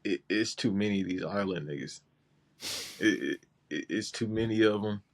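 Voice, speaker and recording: A man's voice: on the low side, normal speed, gravelly, a little hiss or hum. A man from Los Angeles co-hosting a casual chat show, talking loose and slangy with lots of restarts. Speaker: podcast co-host.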